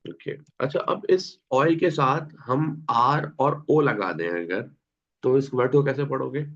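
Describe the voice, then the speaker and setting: A German teacher leads an online language class over a video call, patiently quizzing students and repeating words. His voice is medium-pitched, unhurried and creaky, and the online class audio sounds dull and lo-fi.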